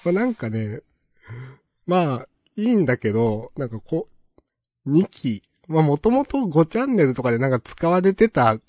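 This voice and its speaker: A man's voice: on the high side, very animated, moderate pace, a little mellow, no room sound, clean studio sound. A man co-hosting a podcast, telling stories in rambling casual chat with many fillers and chuckles. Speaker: podcast co-host.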